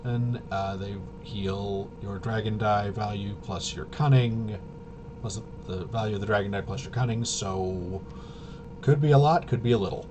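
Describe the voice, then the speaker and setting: A man, a tabletop RPG reviewer and explainer, talks through game rules off the cuff, pausing and wandering as he works out his thoughts aloud. The recording is noticeably noisy, with a low rumble underneath.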